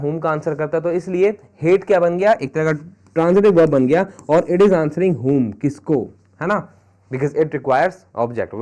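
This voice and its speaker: Animated Hindi-English grammar teacher man. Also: on the high side. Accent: Indian English. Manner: mixes Hindi and English, repeats questions to students. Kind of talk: exam-prep grammar lesson.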